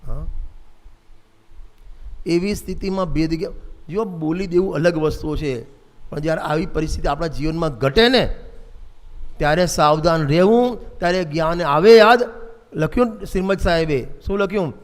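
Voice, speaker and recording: Older Gujarati preacher, fairly high voice, storytelling sermon in a reverberant hall. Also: male voice, moderate pace, long pauses. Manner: storytelling, addresses listeners by name. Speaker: Jain preacher. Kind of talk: devotional sermon.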